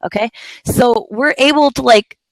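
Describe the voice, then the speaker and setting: Heard through a rough recording without echo, a slightly high-voiced woman speaks at a normal speed while hosting an informal live video chat. Hailing from the San Francisco Bay Area, she rambles, often restarting her sentences and leaning on fillers.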